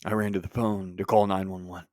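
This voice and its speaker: An American man narrating a first-person horror story with dramatic pauses and blunt profanity. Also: sits low, level tone, darkish tone, no room sound, studio quality. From United States.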